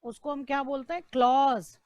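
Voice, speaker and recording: A woman's voice: high voice, fairly even intonation, moderate pace, a little mellow, dry recording. An Indian woman teaching law in an online lecture, repeating terms, asking the class questions and answering them herself. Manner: checks in with "right?" and "clear?". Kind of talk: online exam-prep lecture.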